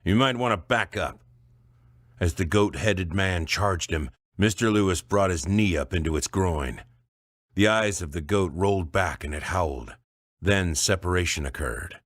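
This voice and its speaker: A man narrating an audiobook in a dry, measured storytelling voice. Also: low voice, no echo.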